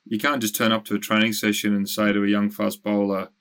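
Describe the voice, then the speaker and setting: A man, a cricket coach speaking as a guest in an interview, measured and plain-spoken. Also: on the low side, completely flat delivery, fairly bright tone. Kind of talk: casual conversational interview.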